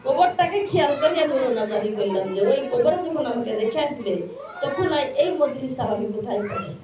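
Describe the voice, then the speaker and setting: A woman's voice: high voice, expressive, a little fast, a crowd in the background. A woman preacher delivering an emotional sermon in a tearful, sing-song chanting style at a religious gathering. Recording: echoey, distant mic, noisy.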